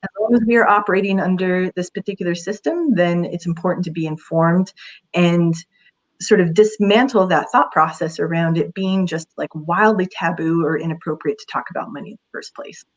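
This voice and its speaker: A woman's voice: on the low side, brisk, dull audio. A woman career counselor giving casual advice in an interview, talking in a chatty way with many fillers.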